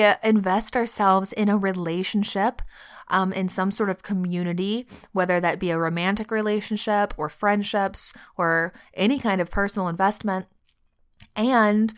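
Slow, soft-spoken woman podcast host. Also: mid-range voice, clear, resonant tone. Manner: slow, soft and heartfelt, drops to whispers, laughs often. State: sick and choked up. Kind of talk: reflective solo podcast talk.

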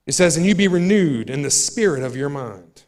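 A man preaching a sermon to his church, folksy and repetitive, calling out to the congregation and building to loud, emphatic climaxes. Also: a little high, expressive, normal speed. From United States. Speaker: pastor. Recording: long hall reverb of a church.

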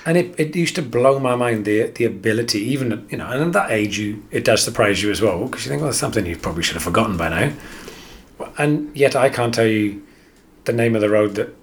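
A man's voice: mid-range voice, a little fast, slight background noise. An Australian man co-hosting a podcast, chatting casually and rambling, often repeating words as he thinks. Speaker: podcast co-host. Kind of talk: casual chat.

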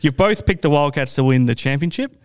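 A man's voice: on the high side, expressive, fast talker, smooth. A man hosting a basketball talk show in a casual, upbeat chat. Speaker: basketball podcast host.

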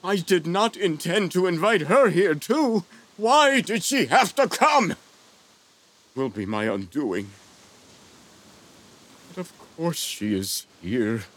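A man's voice: sits high, big pitch swings, slow pace, pauses often, a bit bright, exaggerated voice. An anguished tragic king. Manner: declamatory, grief-stricken stage delivery. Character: anguished king torn over his daughter. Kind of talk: audio stage drama.

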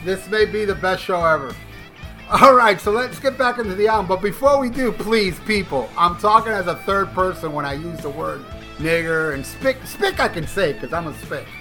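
Speaking through a headphone mic, this American podcast host has a high, expressive voice and a moderate pace. His casual chat is full of rambling, crude stories, frequent swearing and lots of laughter. Music plays in the background.

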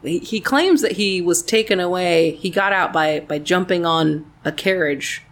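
A woman's voice: fairly low pitch, a little slow. A woman with a Southern US accent co-hosting a podcast in casual, chatty talk, laughing often and swearing casually. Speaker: podcast co-host. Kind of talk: casual chat.

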